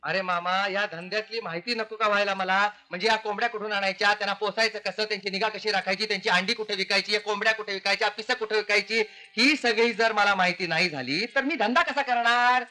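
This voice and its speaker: An actor playing a cheeky young graduate posing as a servant, joking and wheedling. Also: male voice, high voice, steady tone, fast talker, sharp tone, soft background music. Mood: jokey. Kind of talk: 1970s film comedy acting.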